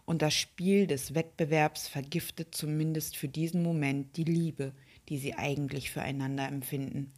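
A woman hosting a reflective podcast, speaking softly and slowly, often dropping to a whisper. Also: low voice, fairly even intonation. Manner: slow, soft and breathy, with hushed whispered passages. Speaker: podcast host.

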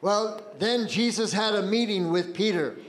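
A man's voice: high-pitched, measured pace. A man preaching a sermon in short phrases for an interpreter, storytelling and acting out quoted lines with light jokes. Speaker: guest preacher.

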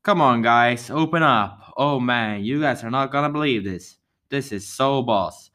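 An excitable, naive boy acted by a man in an amateur drama read-through. He sounds urgent and pleading, repeating himself at a middling pitch. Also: a little slow, lightly acted. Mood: excited, pleading.

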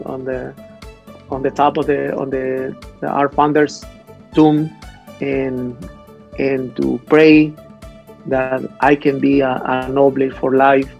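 A man from Mexico, a priest guest in a conversational interview, speaking in a hesitant, halting way with many restarts. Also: medium pitch, creaky, a little mellow. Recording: slightly dull audio with faint music.

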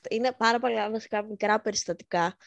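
A woman's voice: medium pitch, vocal fry, no room sound, highs cut off. A young woman co-hosting a podcast, chiming in with reactions and laughing often. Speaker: podcast co-host. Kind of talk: casual chat.

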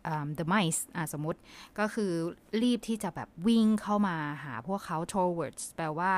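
A woman from Thailand with a Thai accent, a podcast host reading a fable and patiently teaching English vocabulary. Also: fairly low pitch. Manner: patient, explains slowly, polite sentence endings.

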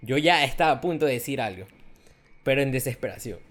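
A young man with an Ecuadorian accent, co-hosting a podcast and telling a story in casual chat, animated and quick to laugh. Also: mid-range voice. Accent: Ecuadorian Spanish. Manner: animated, laughs often, acts out quoted voices. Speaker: podcast co-host.

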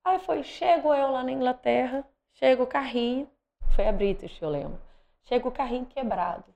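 A woman's voice: sits high, moderate pace, vocal fry, highs cut off. A middle-aged Brazilian woman, a guest athlete, telling stories animatedly in a casual interview. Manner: animated, acts out quoted voices.

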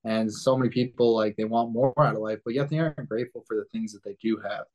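A man's voice: on the low side, steady tone, quick pace, darkish tone, rough recording. A man hosting a podcast, chatting casually and plainly, with easygoing mild swearing. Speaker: podcast host. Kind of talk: casual interview chat.

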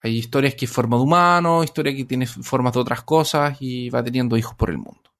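A man's voice: mid-range voice, fast, a bit bright. A man casually retelling a myth in conversation, rambling and self-correcting as he goes. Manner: rambling with many fillers and restarts, self-correcting.

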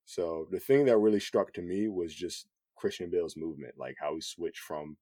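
Low mellow guy rambling about shots, lots of likes and ums, dry close mic. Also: normal speed, no echo. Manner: relaxed, rambling, many fillers. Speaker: cinematographer guest. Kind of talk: casual podcast conversation.

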